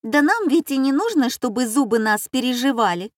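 A woman's voice: sits high, very animated, moderate pace, dry recording, studio quality, voice pushed up. A woman reading aloud, voicing an agitated young lady telling her own anecdote. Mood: flustered.

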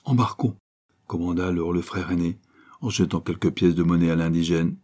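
A man narrating an adventure novel aloud in a measured, even reading. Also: low voice. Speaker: audiobook narrator. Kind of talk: scripted narration.

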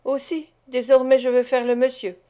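A woman reader plays a greedy young braggart, brash and swaggering, full of himself in a storybook reading. The voice sits on the high side. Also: level tone, moderate pace, mellow, smooth, natural voice. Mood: boastful.

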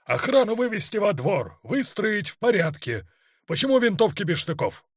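Male reader playing tyrant Cossack colonel, all yelling, high strained shouts, close dry mic. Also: very animated, moderate pace, slightly rough, no echo, heavily acted. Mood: commanding. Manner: roaring commands, abusive. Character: furious Cossack colonel, bellowing, tyrannical, middle-aged.

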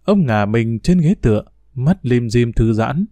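A man reading a novel aloud as a storyteller, in a measured, formal narrating manner. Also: medium pitch, expressive, warm tone, no room sound. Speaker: storyteller, audiobook reader.

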